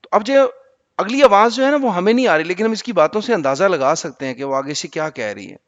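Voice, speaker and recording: A man's voice: sits high, lively intonation, no room sound, highs cut off. A male teacher reading a textbook chapter aloud and patiently explaining words to his students.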